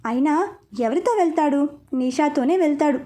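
A woman reading as a gentle middle-aged mother. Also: high-pitched, normal speed, close to an everyday voice.

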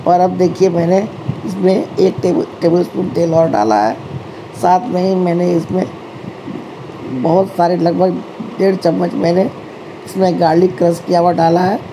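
A woman's voice: fairly low pitch, steady tone, normal speed, background noise. A woman hosting a home cooking tutorial, talking chattily to her viewers, calling them friends and often correcting herself. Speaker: cooking channel host. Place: home kitchen.

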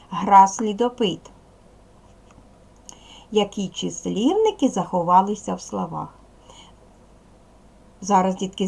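Her voice is medium in pitch and a little mellow, with a Ukrainian accent. She's a primary school teacher walking young children through a recorded lesson with slow, clear directions.

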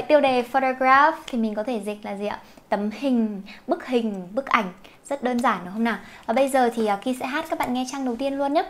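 A young woman teacher who explains a song, translates lines and points out pronunciation, singing parts herself. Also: a little high. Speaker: English teacher teaching through songs.

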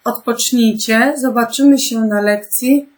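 Slow, patient woman teacher. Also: on the high side, fairly even intonation. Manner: slow, patient, clearly articulated instructions; gently addresses pupils with questions. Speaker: primary school teacher. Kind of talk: remote lesson for young children.

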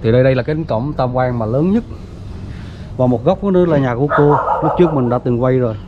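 A man's voice: medium pitch, fast talker, very noisy. Chatty man giving an outdoor tour. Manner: chatty, many fillers, addresses viewers as everyone. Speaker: vlogger. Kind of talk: casual walking tour narration. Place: outdoors at a cemetery gate. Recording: dull lo-fi outdoor recording.

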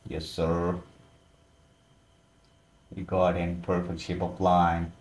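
A man's voice: sits low, monotone, takes it slowly, darkish tone. A man giving casual voice-over commentary with frequent exclamations and loose, informal phrasing. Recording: roomy echo.

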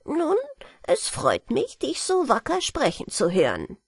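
A woman's voice: sits high, wildly swooping pitch, a little slow, vocal fry, breathy edge, dry recording, studio quality, pitched above the performer's own voice, full character voice. Woman reading as a sly old merman. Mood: sly, hearty. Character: old male merman, sly, hearty, fond of brandy.

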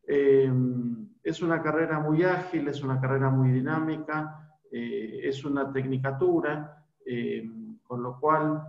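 With a steady, mid-range voice at a measured pace, a forties-aged university lecturer with an Argentine Spanish accent gives prospective students an informal talk over video call, full of hesitation, fillers and restarts. The laptop webcam in his small home room makes for echoey, dull, lo-fi sound.

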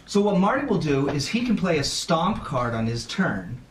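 A man's voice: a little high, sing-song, normal speed. Chatty man teaching a board game. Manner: chatty, laughs often. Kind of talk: casual rules explanation at a game table. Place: room around a table game. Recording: echoey room from a distance, faint noise.

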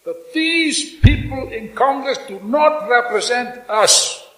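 An older man giving a fiery revolutionary speech at a stand microphone in a hall, speaking emphatically and deliberately with repetition and dramatic pauses. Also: extremely high pitch, expressive, a bit bright, far from the mic. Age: 60s or older. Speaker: political speaker at a congress. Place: indoor hall before a seated audience. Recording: echoey hall public-address sound.

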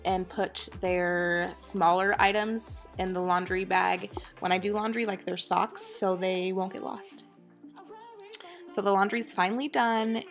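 A woman in her thirties, a mother, chatting casually to her viewers in a home voice-over. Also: mid-range voice. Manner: chatty, upbeat, talks straight to viewers. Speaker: vlogger, mother.

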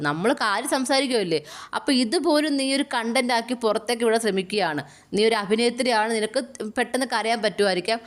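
A woman giving casual, opinionated commentary on a reality show. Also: on the high side. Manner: opinionated, rapid talk.

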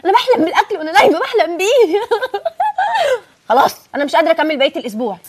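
Whiny high-voiced Egyptian woman. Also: very animated, rapid-fire. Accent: Egyptian Arabic. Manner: whiny, complaining dieter. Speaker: wife in comedy sketch.

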